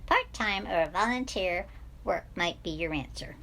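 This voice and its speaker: A woman voicing an excitable male cartoon duck with a strained, squawky, helium-like voice, reading a text aloud. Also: on the low side, a little slow, vocal fry, full character voice. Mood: chirpy.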